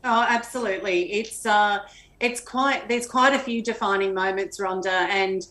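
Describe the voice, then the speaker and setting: A woman's voice: mid-range voice, normal speed, bright, forceful tone. Earnest woman in an echoey room. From Australia. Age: middle-aged. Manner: reflective, earnest storytelling. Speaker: guest, magazine editor. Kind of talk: interview storytelling. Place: home room with flowers and shelves. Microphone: video call.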